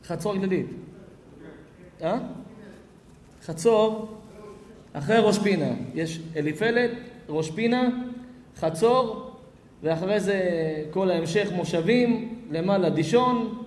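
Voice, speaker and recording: A man preaching a sermon to a live crowd in a big, echoing hall, his voice sitting a little high for a man. He drops to soft, intimate murmurs one moment and bursts into loud scolding the next. The long reverb hangs after every phrase. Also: long pauses. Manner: dramatic swings from hushed, tender asides to loud scolding outbursts. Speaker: rabbi giving a Torah lecture. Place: large hall with audience.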